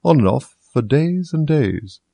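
A man voicing a solemn, slow-witted frog footman who talks in a flat, unbothered way. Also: medium pitch, creaky, slightly rough, no room sound, voice pushed up.

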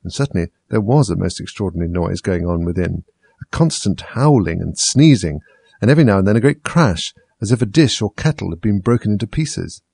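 A man reads a children's story aloud in a low, gravelly voice with a husky edge. His intonation rises and falls with lively movement. The sound is close and dry. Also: a little fast, dry recording. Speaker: narrator. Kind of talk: audiobook story reading.

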